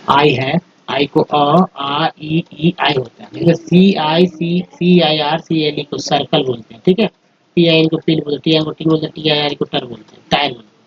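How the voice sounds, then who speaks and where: A man teaching English pronunciation, spelling out words letter by letter and repeating each sound slowly. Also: on the high side. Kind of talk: slow explanatory lesson. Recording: dull lo-fi recording with faint noise.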